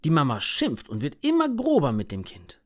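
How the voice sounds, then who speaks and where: Lively low-voiced woman telling a kids' story. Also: normal speed. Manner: expressive storytelling. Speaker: narrator. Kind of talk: children's story narration.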